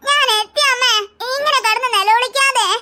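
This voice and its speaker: Cartoon small child, shrill high voice, fondly scolding, heavy echo, noisy track. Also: moderate pace. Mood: puzzled, grumbling. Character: small child coaxing mother at night. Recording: very echoey, noisy, long reverb.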